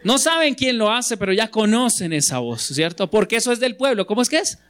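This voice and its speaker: A man preaching a sermon in a conversational way, often checking in with his listeners with quick questions. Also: high-pitched, big pitch swings, fairly bright tone, clear, resonant tone. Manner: conversational, asks the audience frequent questions.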